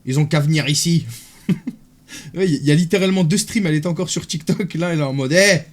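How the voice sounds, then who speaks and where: A man's voice: fairly high pitch, fast talker, a little mellow. A man streaming live, casually bantering and teasing his chat and friends.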